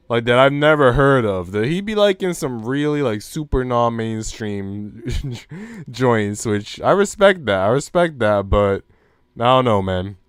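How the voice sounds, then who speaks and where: Hosting a casual livestream chat, a young man talks informally into a close mic, using slang and swearing. His medium-pitched voice is clear and resonant, with no echo.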